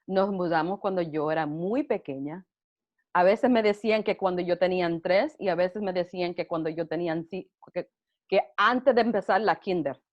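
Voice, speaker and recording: On a dull, lo-fi recording, a middle-aged woman from Puerto Rico shares personal stories in a relaxed interview, often laughing. She has a Puerto Rican Spanish accent and a lowish voice, speaking at normal speed.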